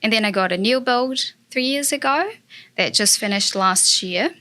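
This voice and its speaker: A woman from Brazil, a property investor, is interviewed casually and answers earnestly, full of fillers, in a Brazilian Portuguese accent. She has a fairly high, sharp voice and speaks at normal speed.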